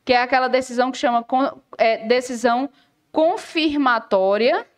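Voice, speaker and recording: Lively high-voiced woman teaching law. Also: moderate pace. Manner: lively, asks questions and answers them herself. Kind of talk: exam prep lecture.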